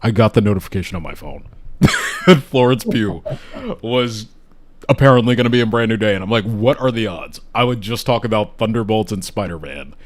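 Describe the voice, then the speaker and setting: A man with a fairly low voice hosts a casual live chat. He talks eagerly and at length, circling back and restarting his sentences. He hiccups now and then. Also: a little fast. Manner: enthusiastic, rambling with restarts. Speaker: host.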